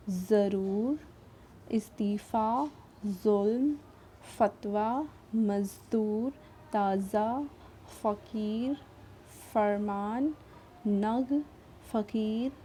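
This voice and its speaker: With a warm, mid-range voice, a woman walks children through grammar, going over each point again in new words and slowing down to sound out examples. A little background noise can be heard.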